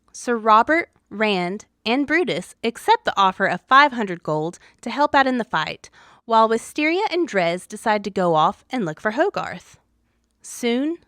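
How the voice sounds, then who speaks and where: A woman's voice: mid-range voice, a bit bright, no echo. Wry woman narrating a tabletop tale. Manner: wry, dramatic storytelling. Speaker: story podcast host. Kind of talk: scripted narration.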